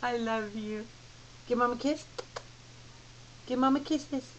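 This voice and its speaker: A woman's voice: a little high, unhurried, slight background noise, rough recording. A mother in a home video, coaxing her toddler with repeated sing-song prompts. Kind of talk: home video baby talk.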